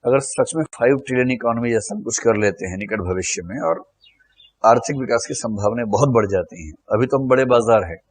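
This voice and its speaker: A middle-aged male teacher lectures in a relaxed, conversational way, tossing in rhetorical questions as he explains. His voice sits at an ordinary pitch. The recording is dry and close, with almost no room sound. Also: fast talker, slightly rough, no echo. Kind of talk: classroom lecture.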